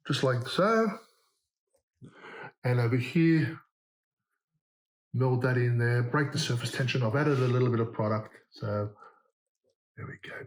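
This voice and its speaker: Aussie guy talking thru a diy job as he goes, relaxed, roomy echo. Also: medium pitch. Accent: Australian. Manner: relaxed, talks through each step as he works. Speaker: DIY demonstrator. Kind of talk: hands-on how-to demonstration.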